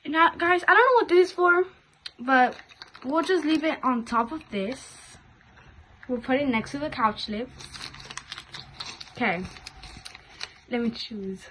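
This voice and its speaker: A woman's voice: high-pitched, animated, unhurried, pauses often, a bit bright, slight background noise, rough recording. A woman chatting informally to her viewers as she hosts a casual toy unboxing vlog. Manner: informal, repeatedly addressing viewers as "guys". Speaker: host of a toy unboxing video.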